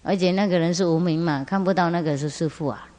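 Spiritual master, woman, lower voice, chatty teaching talk full of tag questions, in a reverberant hall. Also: quick pace, dark tone. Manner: frequent laughter, rhetorical tag questions. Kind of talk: Buddhist teaching talk with storytelling.

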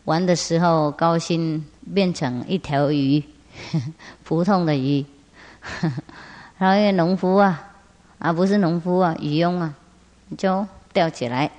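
Spiritual master, woman, lower voice, chatty teaching talk full of tag questions, in a reverberant hall. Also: darkish tone. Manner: frequent laughter, rhetorical tag questions. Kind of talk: Buddhist teaching talk with storytelling.

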